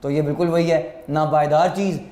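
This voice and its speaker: A man teaching English vocabulary, slowly dictating words and meanings and repeating them for students. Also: on the high side, fairly even intonation, warm tone, echoey room. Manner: slow, deliberate, repeats words for students to note down.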